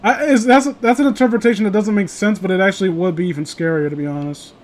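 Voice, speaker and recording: Talking fast with a high voice and steady tone, a man hosts a horror story reading show. He rambles, jokes and swears his way through casual chat about the stories, recorded at home with noticeable hiss and noise.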